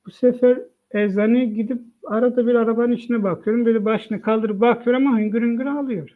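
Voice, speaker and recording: A man with a raised, fairly high voice recounts his family's ordeal in a personal testimony, as a father speaking of his son. He moves the story along by quoting each person's exact words. The sound is thin and boxy, as if it comes over a phone line from a live online stream. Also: fairly even intonation, fast. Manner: retells events by quoting dialogue, frequent "dedim" and "dedi" tags. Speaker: father of the child.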